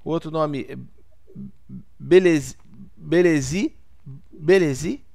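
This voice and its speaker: A man's voice: high-pitched, very animated, quick pace, vocal fry, full character voice. A man co-hosting a comic sports chat, playing a clumsy pundit who stumbles and stammers over every name. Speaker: comedy show co-host.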